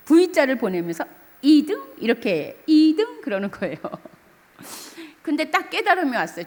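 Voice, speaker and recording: A woman's voice: mid-range voice, in a large hall. A middle-aged woman pastor preaching a sermon, telling a story and asking the congregation for amens. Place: church sanctuary.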